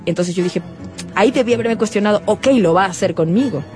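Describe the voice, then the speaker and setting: A woman's voice: mid-range voice, fast, over music. A woman co-hosting a casual radio chat, telling a personal story and acting out the quoted lines. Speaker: radio show co-host.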